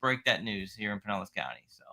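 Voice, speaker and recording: A middle-aged man from Florida, a podcast guest, speaking in a relaxed, halting way with many fillers. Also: lowish voice. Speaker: guest, local news page owner. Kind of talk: casual interview.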